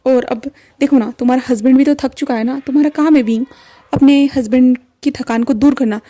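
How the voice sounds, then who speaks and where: Teasing young husband, soft and coaxing, mellow tone, read by a woman narrator. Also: high-pitched, fairly even intonation, brisk, close to an everyday voice.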